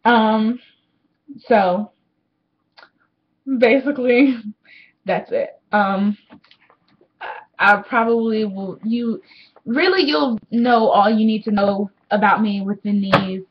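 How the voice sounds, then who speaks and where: A woman's voice: mid-range voice, slow pace, pauses often, a little hiss or hum. An eighteen-year-old woman talking candidly and rambling to a webcam at home in a casual diary vlog, swearing freely. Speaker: vlogger. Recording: slightly dull webcam audio.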